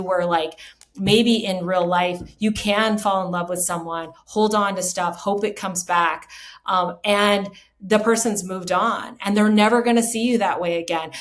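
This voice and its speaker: Enthusiastic woman podcast host rambling casually. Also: medium pitch. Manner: enthusiastic, rambling with many fillers; emotional, moved by film moments.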